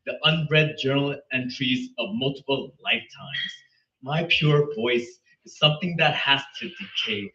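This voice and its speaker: A man reading a poem aloud at an open mic in an earnest, measured way. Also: mid-range voice, bright, forceful tone. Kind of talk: poetry reading. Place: small venue. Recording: echoey room from far off, dull sound.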